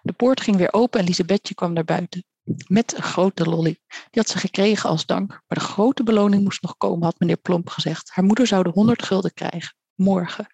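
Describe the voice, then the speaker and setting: A woman reading a children's story aloud as a storyteller, with lively voices for the characters. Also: fairly low pitch, a little fast, gravelly, breathy edge, no echo, highs cut off.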